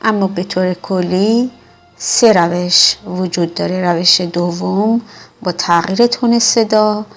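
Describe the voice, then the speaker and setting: Woman, French grammar teacher, husky and lowish, slow careful examples, hesitant fillers. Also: steady tone, soft background music. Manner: hesitant fillers between phrases. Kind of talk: grammar lesson explanation.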